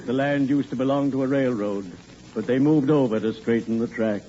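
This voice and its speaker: An actor playing a cheerfully morbid, genteel undertaker in a 1940s radio comedy, with formal, measured, unctuous delivery. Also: male voice, mid-range voice, dark tone, close to an everyday voice. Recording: noisy, dull old radio recording.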